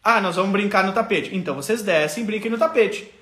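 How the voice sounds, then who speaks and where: A man's voice: high-pitched, fast, fairly bright tone, echoey room. A man with a Brazilian accent giving a live parenting lesson, explaining step by step, checking in often and acting out the voices of parents and children. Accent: Brazilian Portuguese. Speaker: parenting educator. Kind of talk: live parenting lesson, answering viewer questions.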